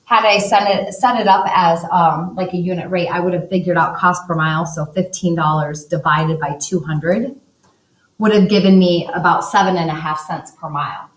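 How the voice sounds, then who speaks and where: In a recorded math lesson, a woman with a fairly low voice explains each step while writing and punching numbers into a calculator. She speaks at normal speed with fairly even intonation. The room echoes, and she sounds a little far from the microphone.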